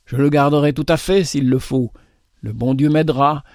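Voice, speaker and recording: A poor, kindly widow with three little ones talks in heartfelt exclamations, put on by a male storyteller. Her lines climb well above a man's usual pitch. The room is dry and close. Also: fairly even intonation, normal speed, darkish tone, no echo, natural voice. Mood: tender.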